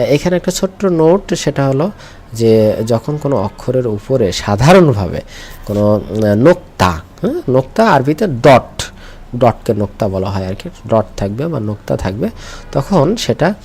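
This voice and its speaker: A man's voice: medium pitch, darkish tone, husky. A man teaching Quran reading and Arabic letters, drilling pronunciation with call-and-response and patient repetition. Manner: patient, repeats each letter and asks learners to echo.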